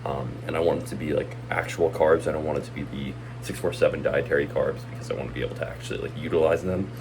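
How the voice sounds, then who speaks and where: A young adult man, a college student, chats casually to the camera as a fitness vlogger while slightly out of breath on a treadmill. His voice is rumbling and low with a steady tone, and he talks fast over a noisy background. He's laid-back and rambling, full of ums and likes.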